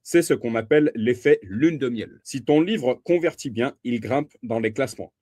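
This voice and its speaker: Male reader, mid pitch, dry close mic, emphatic on key terms. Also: normal speed, darkish tone, no room sound. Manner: addresses listener as tu, occasional slips and self-corrections. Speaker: book reader and reviewer. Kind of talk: reading a book summary aloud.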